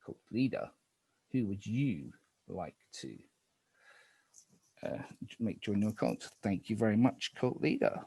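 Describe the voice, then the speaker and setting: Slow, hushed man as spooky game narrator. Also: on the low side, very animated, creaky, husky, no echo. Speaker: game moderator.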